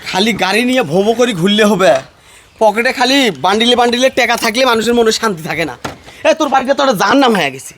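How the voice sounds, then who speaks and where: A man's voice: extremely high pitch, lively intonation, very fast, noisy background. A man playing a neighbor who breaks up a family fight and lectures everyone. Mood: scolding. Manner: lecturing, admonishing. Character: neighbor man, scolding peacemaker. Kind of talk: melodramatic family drama acting.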